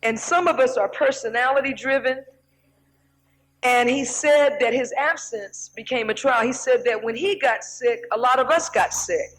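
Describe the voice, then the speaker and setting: An older woman minister preaching a sermon, telling stories animatedly and acting out excited shouts. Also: on the high side, normal speed, rough recording.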